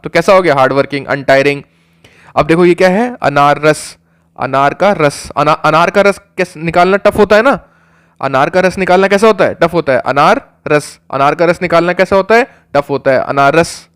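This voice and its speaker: A man's voice: a little high, a bit bright, smooth. A young man teaching an exam vocabulary lesson, repeating words and quizzing his viewers.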